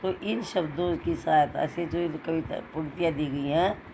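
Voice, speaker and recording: A man's voice: fairly high pitch, normal speed, vocal fry, darkish tone, slight background noise, rough recording. A male primary school teacher giving a recorded lesson to young pupils, patient, repeating words and answering his own questions.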